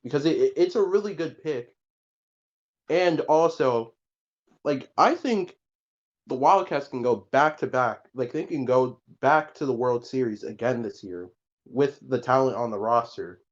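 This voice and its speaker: A man's voice: mid-range voice, a little slow. A man on a panel giving short, plain opinions in casual talk. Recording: dull lo-fi mic.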